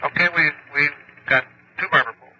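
A man's voice: fairly high pitch, fast, sharp tone, slightly rough, lo-fi sound. A man in a spacecraft giving clipped radio reports to the ground, heard over a breaking-up space radio downlink. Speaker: astronaut. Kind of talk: clipped radio procedure talk.

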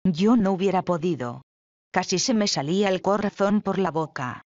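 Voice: mid-range voice, animated, moderate pace, a little mellow, dry recording, close to an everyday voice. A reader voicing a proud, self-assured young woman, the eldest sister, in a dramatic play reading. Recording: dull, lo-fi, dry.

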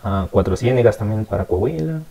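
Woman, podcast host; extremely low, dark voice, easygoing. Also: expressive, a little fast, gravelly. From Guerrero, Mexico. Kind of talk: casual interview chat.

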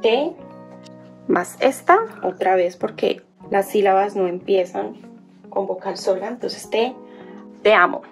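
A woman's voice: mid-range voice, creaky, soft background music. A woman teaching an alphabet, spelling out syllables one by one in a patient, explaining way. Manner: patient, spelling out sounds slowly. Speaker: language teacher. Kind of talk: explaining on a whiteboard.

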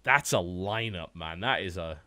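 A British man hosting an esports show, wrapping up a match with energetic, quick-fire commentary. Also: low voice. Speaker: esports caster and show host. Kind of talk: post-match commentary wrap-up.

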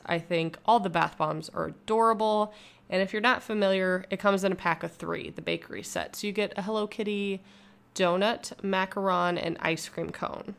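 This young YouTube vlogger has a gravelly, mid-range voice. Recording from home, she chats through an upbeat, enthusiastic, casual voice-over review of a bath product.

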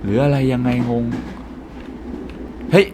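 Excitable man commenting on a game. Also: mid-range voice, slow, background noise. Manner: excitable, exclaiming and talking to viewers. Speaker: gaming channel host. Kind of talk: let's play commentary.

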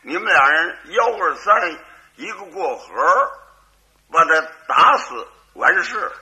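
Lively man telling a crosstalk story. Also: high voice, takes it slowly. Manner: lively storytelling that switches into character voices. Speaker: crosstalk lead performer.

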